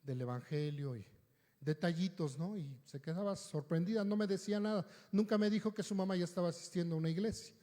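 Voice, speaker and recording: A man's voice: high-pitched, fast, dark tone. A male pastor, preaching in a conversational, story-telling way and often checking in with his listeners. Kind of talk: storytelling sermon. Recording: long hall reverb.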